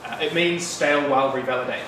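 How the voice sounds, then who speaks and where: A man in his thirties with a New Zealand accent talks fast at medium pitch during a casual developer meetup talk, relaxed, chatty and full of fillers and asides. An audience fills the bright, loft-like office room. Because he stands away from the room mic, the audio is distant and echoey, with background noise.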